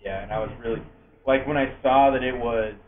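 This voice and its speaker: A man's voice: medium pitch, a little fast. A man hosting a podcast, talking casually and loosely about video games. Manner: relaxed, casual, swears. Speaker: podcast host. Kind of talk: casual gaming chat. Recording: echoey room, phone-like audio.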